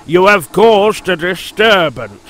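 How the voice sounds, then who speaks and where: A man voicing a stern, portly older railway boss in a storybook reading, slow and booming. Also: animated, fairly bright tone, heavily acted.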